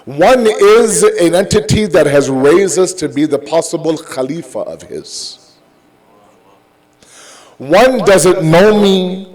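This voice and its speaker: High-pitched man preaching in a conversational way. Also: a little mellow, low-quality recording. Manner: conversational, emphatic, rhetorical questions; mixes English with Urdu and Arabic phrases. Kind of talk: sermon with everyday examples and acted-out dialogue.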